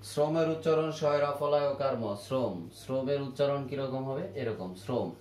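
A man teaching a grammar lesson at a board, repeating each word slowly to drill how it is pronounced. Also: mid-range voice, darkish tone. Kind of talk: classroom grammar lesson at a whiteboard. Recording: echoey room with faint ambient noise.

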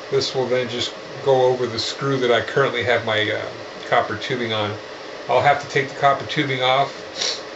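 A man calmly talking through a home radio antenna build, halting and full of fillers and restarts. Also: medium pitch, roomy sound. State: out of breath. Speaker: amateur radio hobbyist. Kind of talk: casual filmed project walkthrough. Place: house, moving between rooms. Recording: dull lo-fi with clear noise.

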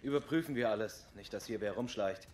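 A man's voice: lowish voice, a little fast, a little mellow, a little hiss or hum, natural voice. A man playing a wary, matter-of-fact gang guard in a dubbed video game. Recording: roomy, echoing game sound.

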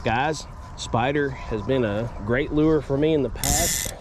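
A young man with a drawl, medium-pitched and measured, hosts a casual fishing vlog in a folksy, rambling way, getting excitable whenever the fish bite. Heavy background noise runs under his voice. He starts outdoors by a pond and later moves indoors at home.

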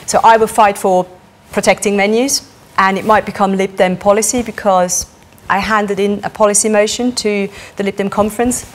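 A Swiss woman in her thirties answers questions in a political interview as a parliamentary candidate, recorded in a small studio. She has a Swiss German accent, a medium-pitched voice, and a moderate pace. Her delivery is animated, with lots of fillers, and she gestures as she talks.

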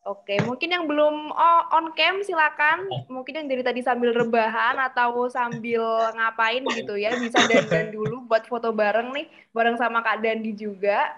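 A woman's voice: on the high side, steady tone, normal speed, background noise. A woman moderating an online class, reading out audience questions and guiding the session in a friendly way. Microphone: video call. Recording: dull lo-fi video call audio.

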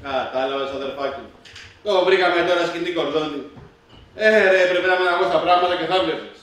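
A man's voice: on the high side, a bit bright, slight background noise, natural voice. A man acting a grumpy, out-of-work husband who snaps at his wife in a live amateur stage play, heard from far off in an echoey hall. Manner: gruff, irritable, dismissive. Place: theatre stage. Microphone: distant room mic.

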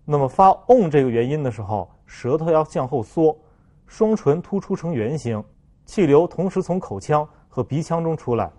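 A man's voice: a little high, lively intonation. Man teaching French sounds. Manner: slow, careful explanations, then loud drawn-out example sounds. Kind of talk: language lesson, explaining and modeling sounds.

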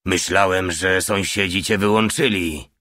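A man's voice: deep voice, moderate pace, bright, forceful tone, dry recording, clean studio sound. A man voicing a sarcastic, cold male boss of a smuggling outfit, in an audiobook.

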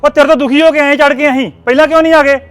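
A man's voice: very high-pitched, fairly even intonation, rapid-fire, fairly bright tone. A man playing a protective, confronting brother. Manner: confronting, demanding. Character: protective brother confronting his sister's husband.

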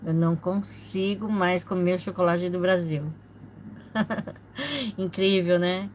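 Her voice lowish and a little mellow, a Brazilian woman in her forties hosts a casual home livestream beside a fish tank. Slow and chatty, she reads viewer comments and greets each person by name, laughing lightly often. The recording is rough with a little hiss or hum.

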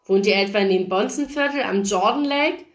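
A woman's voice: mid-range voice, brisk, close to an everyday voice. A woman voicing a nosy, chatty young man, the narrator's brother, who talks in a pushy, teasing way, read in an echoey room. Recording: roomy echo.

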